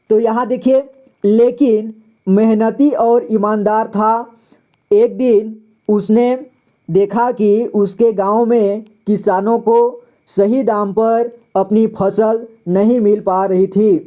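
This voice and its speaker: A man teaching a reading lesson step by step, patiently sounding out words slowly and repeating them syllable by syllable. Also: high voice, steady tone, dark tone.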